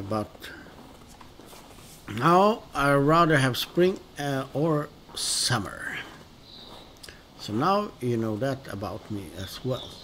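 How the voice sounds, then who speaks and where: A man with a Swedish accent talks unhurriedly through his gameplay. He has an average-pitched voice and pauses often, restarting his sentences as he thinks aloud. A faint ambient hiss sits under him. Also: fairly bright tone. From northern Sweden. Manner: hesitant and musing, many pauses and restarts. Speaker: gaming video host. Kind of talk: relaxed let's-play commentary.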